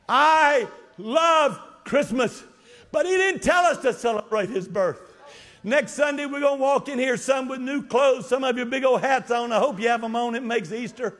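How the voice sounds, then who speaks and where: A pastor preaching a Pentecostal sermon, swinging from shouts to low murmurs, with sarcastic asides, in a large church. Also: male voice. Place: large church sanctuary with balcony.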